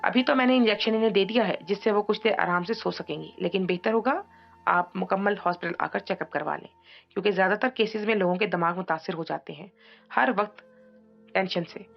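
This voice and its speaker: A woman voicing a calm, formal doctor. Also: mid-range voice, vocal fry. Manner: measured and formal. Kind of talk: dramatic audiobook reading. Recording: dull lo-fi audio, faint music.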